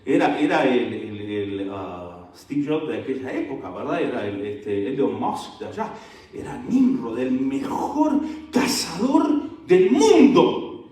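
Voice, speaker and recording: A male pastor preaching a sermon with animated energy, throwing questions out to his congregation. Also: medium pitch, measured pace. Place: church sanctuary. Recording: echoey church hall, mic at a distance.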